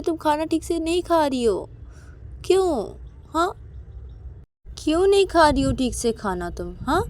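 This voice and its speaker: Brief: woman playing a nagging young woman in a storybook, high and insistent. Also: a little mellow. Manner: nagging, ends lines with questioning "haan?". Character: scolding, coaxing young woman partner.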